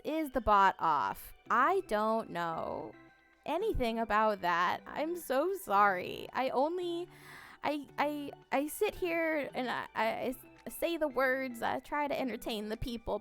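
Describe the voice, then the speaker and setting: Slow-talking woman streamer, rambling and chatty. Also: a little high, a bit bright. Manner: rambling, many fillers and restarts, reads chat aloud; bubbly squeals of greeting. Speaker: streamer reading chat. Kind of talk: casual live-stream chat.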